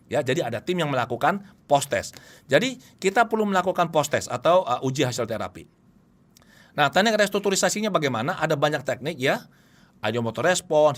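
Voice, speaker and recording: A middle-aged man giving a lecture on hypnotherapy, explaining cases and acting out what clients say. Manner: animated, acts out client voices with big pitch jumps. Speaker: hypnotherapy instructor. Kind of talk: lecture presentation.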